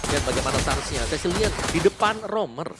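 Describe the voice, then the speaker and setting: Casting: male Indonesian esports analyst, fast talker, fairly high voice, loud music bed. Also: animated, heavy background noise. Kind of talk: analytical game commentary. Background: loud background music.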